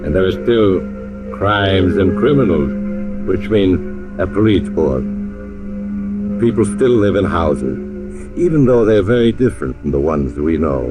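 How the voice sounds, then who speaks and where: An actor playing an enigmatic traveler, narrating eerie radio tales in an ominous, measured, theatrical manner. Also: male voice, low voice, expressive, over music. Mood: grave narration. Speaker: host and narrator.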